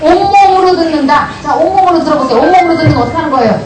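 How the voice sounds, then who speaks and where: A woman giving a lively lecture on family communication to a live audience, acting out dialogues between parents and children. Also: sits high, racing. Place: large hall with audience. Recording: echoey hall, distant mic, noisy.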